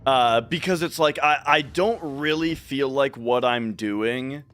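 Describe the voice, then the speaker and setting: A man's voice: mid-range voice, measured pace, a bit bright, clean tone, soft background music. A man live streaming from a home setup, chatting casually while gaming, rambling with lots of fillers and restarts into a studio mic. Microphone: studio mic through a desk mixer.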